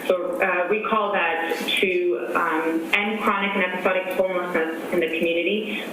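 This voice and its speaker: A woman giving a measured presentation over a video call, with many "um"s and restarts. Her computer-mic audio sometimes breaks up. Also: on the low side, fairly even intonation, a bit bright, recorded from a distance. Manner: measured, many "um"s and self-corrections. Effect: voice over a video call, breaking up at times. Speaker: presenter to a council task force. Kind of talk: remote slide presentation. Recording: very echoey call audio with faint noise.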